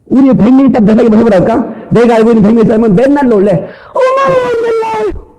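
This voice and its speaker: A man's voice: very high voice, racing, dark tone, poor audio. A male pastor preaching a sermon in a church, joking with the congregation and mimicking people's voices.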